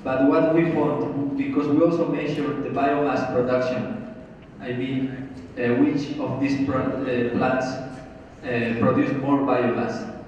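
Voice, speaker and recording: A man's voice: medium pitch, flat delivery, slow pace, darkish tone, distant mic. A man in his thirties giving a technical answer to an audience question at a conference, on a handheld microphone. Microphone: handheld microphone through hall PA. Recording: muffled, very echoey hall, faint noise.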